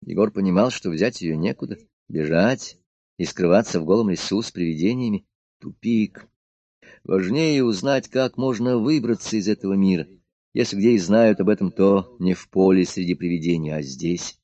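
A man narrating a novel as an audiobook, reading evenly and unhurried. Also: deep voice, warm tone, no echo. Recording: dull dry lo-fi studio recording.

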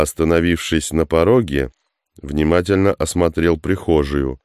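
Very deep-voiced male audiobook narrator. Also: clean tone, dry recording, studio quality. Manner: measured, even reading. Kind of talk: scripted narration.

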